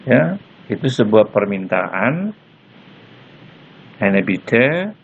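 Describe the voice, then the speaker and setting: A male university lecturer explaining patiently and slowly, tagging his points with "ya", recorded as a lecture on a phone or laptop mic. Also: on the low side, sing-song, creaky, breathy edge. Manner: slow, patient explaining with frequent "ya" tags. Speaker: German lecturer. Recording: lo-fi phone-like recording with faint noise.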